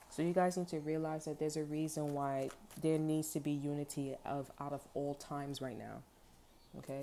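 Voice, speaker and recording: A woman's voice: deep voice, mellow, a little hiss or hum. A woman giving a casual tarot reading, rambling and peppering her talk with okay and like. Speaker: tarot reader.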